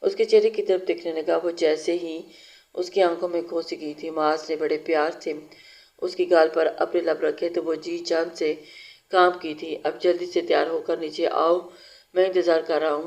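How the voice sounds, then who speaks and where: A narrator reading a romance novel aloud in a steady storytelling style, with occasional restarts. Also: medium pitch, vocal fry.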